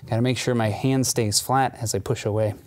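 A man's voice: medium pitch, fairly even intonation, brisk, a little mellow. A young man, a fitness coach, talks casually as he demonstrates a crawling exercise in a carpeted living room, recorded by a camera a few meters off.

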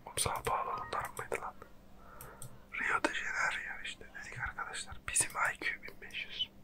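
A person speaking in a breathy close whisper, casually commentating on a geography guessing game in a slangy, self-mocking way. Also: normal speed. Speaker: host. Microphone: close microphone.

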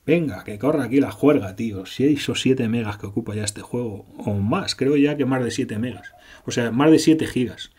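A man's voice: mid-range voice, normal speed, darkish tone, slightly rough. A man from doing casual, sarcastic gameplay commentary, swearing freely as he retells the story.

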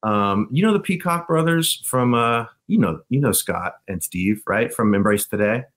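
A man's voice: medium pitch, animated, moderate pace, a bit bright. A man, a band frontman, chatting as a podcast guest and telling stories loosely, with lots of fillers and restarts. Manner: loose, rambling storyteller with many fillers. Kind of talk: casual podcast chat.

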